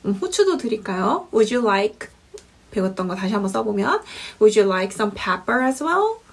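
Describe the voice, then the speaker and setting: A woman teaching an English lesson, repeating example sentences slowly and clearly. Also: mid-range voice, very animated. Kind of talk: language lesson.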